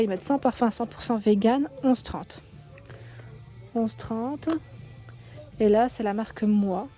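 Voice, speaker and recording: A woman with a French accent walks through a shop filming a vlog, reading out prices and chatting as she looks at products. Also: on the high side. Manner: chatty, reads prices aloud, thinks out loud. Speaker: shopping haul vlogger. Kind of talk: casual store walkthrough vlog. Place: indoors in a shop under ceiling spotlights.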